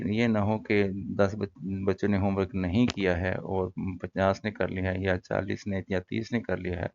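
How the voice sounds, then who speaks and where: Male teacher, relaxed explainer, gravelly low voice, muffled lo-fi sound. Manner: relaxed, explains in Urdu with English terms, many fillers. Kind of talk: casual classroom-style lesson.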